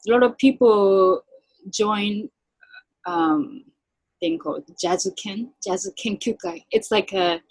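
A woman with a Japanese accent talks through her story as an interview guest, pausing often on fillers. Her voice sits at a middle pitch for a woman. The recording is dry, with no room sound. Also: no echo, low-quality recording. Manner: soft-spoken, halting with many fillers. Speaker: guest violinist. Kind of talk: casual interview chat.

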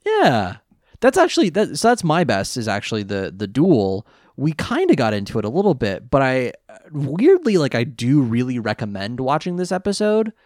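A man co-hosting a casual podcast chat, easygoing and quick to laugh. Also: mid-range voice, wildly swooping pitch, a little mellow, no echo, clean studio sound. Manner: giggly and easygoing, laughs often. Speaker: podcast co-host.

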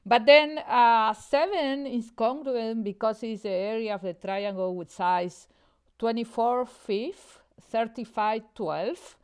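A woman from Argentina guesting on a podcast as a math professor. She explains step by step, pausing on fillers. Her voice is smooth and clear, sitting fairly high. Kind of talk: podcast interview.

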